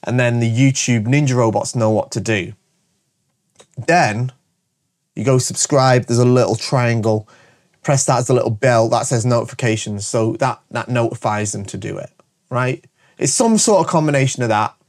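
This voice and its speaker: This shop owner hosts his show in a mid-range voice at a moderate pace, clearly bunged up from a cold. His casual promotional monologue to camera is energetic and full of jokes, with "all right?" tagged onto his points often.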